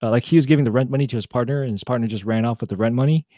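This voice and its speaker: A man's voice: medium pitch, rapid-fire, dark tone, no room sound, clean studio sound. A young man chatting casually on a podcast, rambling with many fillers and restarts. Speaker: podcast co-host. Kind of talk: casual chat.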